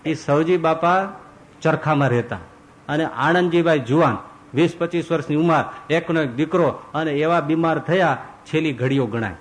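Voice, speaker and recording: Animated man preaching a devotional sermon. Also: fairly high pitch, moderate pace, poor audio. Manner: animated storyteller who voices characters.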